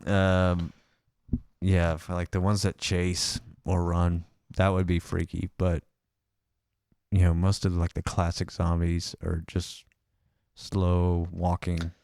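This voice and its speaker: A man's voice: low-pitched, completely flat delivery, slow, darkish tone, clean tone, dry recording, clean studio sound. A young man co-hosting a podcast in casual chat, hesitant with lots of fillers and restarts. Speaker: podcast co-host.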